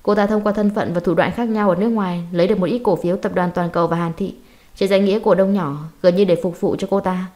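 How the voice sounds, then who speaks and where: A woman voicing a subordinate who gives a quick, factual report. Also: fairly low pitch, fairly even intonation, a little mellow, natural voice. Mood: matter-of-fact. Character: subordinate giving a brisk report.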